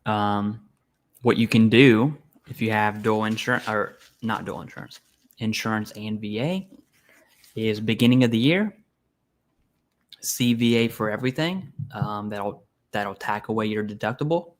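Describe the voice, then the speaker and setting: A man's voice: lowish voice, a little slow. A man hosting a casual live Q&A stream, reading viewer questions aloud and answering bluntly and informally. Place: home setup, eating while streaming.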